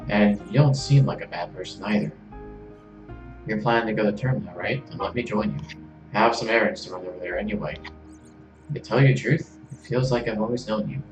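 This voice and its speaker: A man reading as a gentle, caring young woman. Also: fairly low pitch, close to an everyday voice. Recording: roomy room, faint game music.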